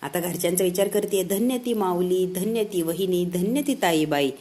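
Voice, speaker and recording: A woman's voice: fairly low pitch, normal speed, mellow, close to an everyday voice. A woman voicing a playful young man in a retold TV serial, joking and teasing his sister-in-law.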